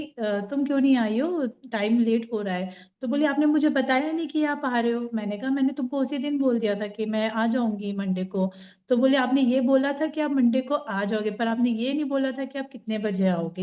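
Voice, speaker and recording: Woman, higher voice, reflective storyteller sharing on a group call. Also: dark tone, highs cut off. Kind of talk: casual chat on a group call.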